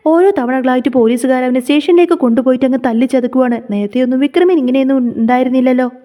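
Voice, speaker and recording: A woman reads a spiteful woman accusing and sneering. Lines rush by in a soft, slightly high voice. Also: very fast, big-room sound, close to an everyday voice. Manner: scornful, accusing. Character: spiteful woman of the household, blaming.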